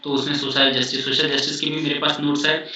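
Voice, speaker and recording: A man's voice: on the high side, little pitch movement, fast talker, pushed and bright. A male coaching teacher giving study advice in a repetitive, reassuring way, often mixing in English phrases. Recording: echoey room, distant mic, dull sound.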